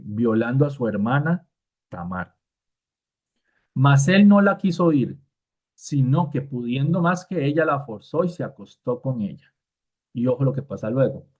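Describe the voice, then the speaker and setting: Man, Bible teacher, casual talk, fills pauses with "este", acts out quoted lines, medium pitch, thin phone-like audio. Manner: informal, uses "este" as filler, acts out short quotes. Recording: tinny phone-like sound.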